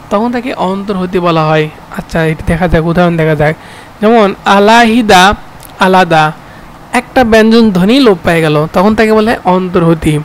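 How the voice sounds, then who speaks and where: Bangladeshi male tutor, fairly high voice, drills terms and quizzes himself, faint traffic noise behind. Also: low-quality recording. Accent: Bangladeshi Bengali. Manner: repeats terms and asks himself questions, with fillers. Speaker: teacher. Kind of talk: exam-prep grammar lesson.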